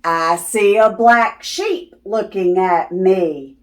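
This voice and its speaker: Reading a picture book to small children, a woman speaks slowly in a mid-range voice. As host of children's videos, she uses a sing-song, teacherly manner, asking questions and affirming what the kids answer.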